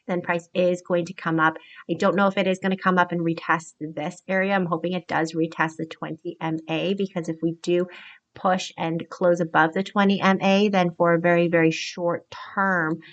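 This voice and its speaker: A woman's voice: fairly low pitch, fairly bright tone. A woman walking viewers through cryptocurrency chart indicators step by step, calling them "you guys" in a casual analysis video. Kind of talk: screen-share market analysis.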